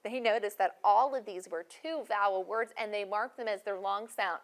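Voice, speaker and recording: A woman teaching a first-grade phonics lesson in a classroom, speaking slowly and clearly with encouragement. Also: medium pitch.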